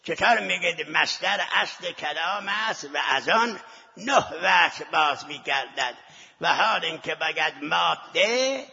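A man's voice: fairly high pitch, creaky, sharp tone, breathy edge. A man teaching seminary students in a scholarly lecture, arguing his point and posing rhetorical questions to the class. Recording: lo-fi recording with long hall reverb.

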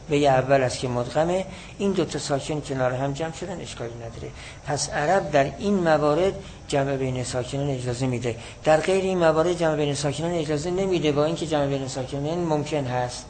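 A man teaching a class, explaining a classical text in a measured way and repeating his key points. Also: a little high, darkish tone, a little hiss or hum, rough recording.

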